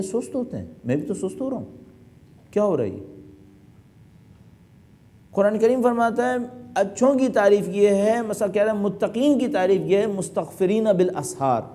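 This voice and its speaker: A man's voice: high voice, mellow. A middle-aged male cleric preaching an emphatic sermon, full of rhetorical questions. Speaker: cleric delivering a majlis.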